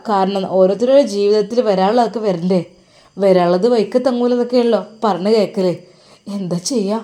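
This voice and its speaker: A calm, consoling brother, voiced by a woman storyteller. He talks gently and evenly with a Malappuram Malayalam accent. This is a spoken storybook figure. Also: mid-range voice, a little fast, natural voice. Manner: gentle and reassuring. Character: calm consoling young man, a bride's brother.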